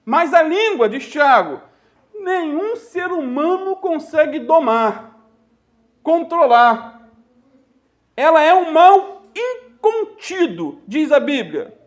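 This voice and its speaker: A Brazilian man preaching to his congregation in a voice pitched unusually high for a man. He tells stories in a warm pastoral register and calls his listeners dear ones and brothers. He draws out key phrases slowly for weight. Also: sing-song. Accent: Brazilian Portuguese. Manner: storytelling preacher addressing the congregation as "queridos" and "irmãos"; slows down to stress key phrases. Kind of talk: sermon.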